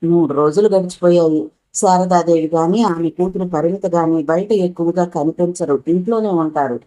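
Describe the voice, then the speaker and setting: A woman narrating a spoken story in a steady, measured reading. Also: lowish voice, rough recording.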